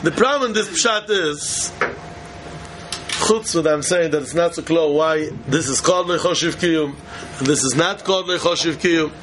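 A man's voice: a little high, normal speed, a bit bright, a little hiss or hum, low-quality recording. A man with a Yiddish accent teaching Talmud in a repetitive, questioning, argumentative way. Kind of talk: religious study lecture.

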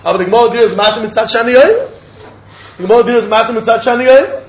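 Male Talmud teacher, Yiddish accent, very high voice, insistent and repetitive, recorded in an echoey room with faint noise. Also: lively intonation, quick pace. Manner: insistent, repeats phrases. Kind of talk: informal religious lesson, explaining and questioning.

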